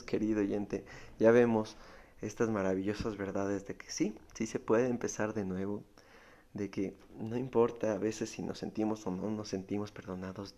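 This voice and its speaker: Earnest man preaching to a listener. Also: a little mellow. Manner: earnest, pastoral, addresses the listener directly; voice swells on key words, then drops low. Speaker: podcast preacher. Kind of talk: devotional podcast teaching.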